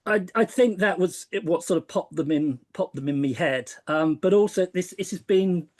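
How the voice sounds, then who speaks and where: Man in his 50s, slightly high voice, thoughtful panel guest, casual podcast talk. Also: normal speed, darkish tone. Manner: reflective, restarts sentences often.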